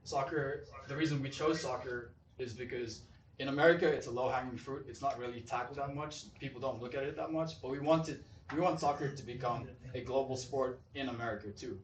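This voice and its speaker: Zimbabwe-born guy pitching his startup, keen and salesy, echoey hall, mic far off. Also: brisk. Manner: eager, salesy. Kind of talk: pitch presentation and Q&A. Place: event hall. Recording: roomy hall, distant mic, faint noise.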